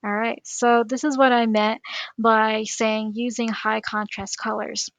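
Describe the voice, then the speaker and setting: With a level tone and a voice on the high side, a Tagalog-speaking teacher coach from the Philippines walks teachers through a screen-recorded tutorial in a Filipino accent, a little slowly. She keeps it chatty, clicking and explaining one step at a time, and there is no room sound.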